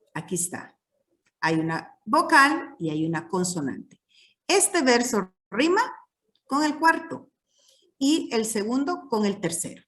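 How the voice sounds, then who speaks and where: A woman's voice: on the high side, a bit bright, distant mic. A woman teaching a literature class, explaining patiently and checking in with her students often.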